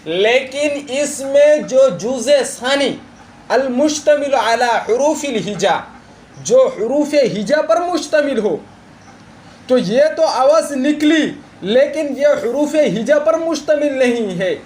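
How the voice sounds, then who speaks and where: A male teacher with a very high voice leads a classroom lesson at an unhurried pace. He stops often to quiz his students and repeats each term. A faint hiss sits under the recording. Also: lively intonation, a little mellow. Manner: slow, repeats key terms and asks the students questions. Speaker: religious teacher. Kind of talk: classroom lesson on Arabic grammar.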